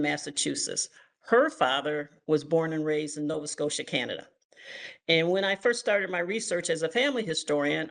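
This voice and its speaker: An older woman from Ohio giving an online history lecture as guest author, measured and filled with ums and uhs. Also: deep voice, gravelly, fairly bright tone. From Toledo, Ohio, US. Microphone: video call.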